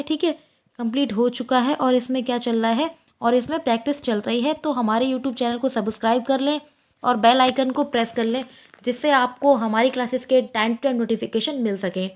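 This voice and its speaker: A young woman teaching an exam-prep lecture, repeating each point and asking questions she then answers herself. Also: sits high.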